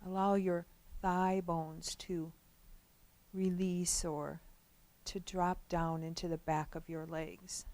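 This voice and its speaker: A woman guides a relaxation session as a meditation teacher, talking softly and unhurriedly with long pauses between phrases. Her voice is fairly low and her tone stays level.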